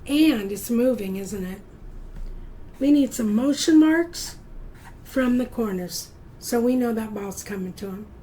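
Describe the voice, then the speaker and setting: Woman art teacher, high voice, slow and patient, encouraging, faint room hum. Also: animated, dark tone, low-quality recording. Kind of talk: step-by-step drawing lesson for children.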